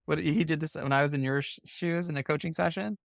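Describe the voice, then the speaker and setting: A man's voice: fairly high pitch, fast talker, gravelly, no room sound, studio quality. A middle-aged man coaching a podcast co-host, asking probing questions with many fillers and restarts. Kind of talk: coaching conversation.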